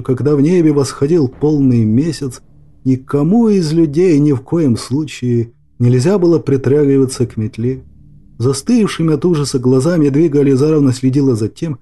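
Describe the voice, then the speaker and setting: A man narrating a fairy-tale audiobook in a dramatic, expressive storytelling manner. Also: mid-range voice.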